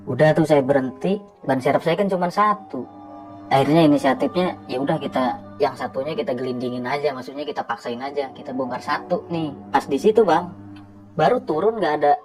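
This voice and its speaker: A man who drives trucks, telling a story casually and animatedly, with quick asides to the listener. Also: a little high, a little mellow, soft background music, poor audio.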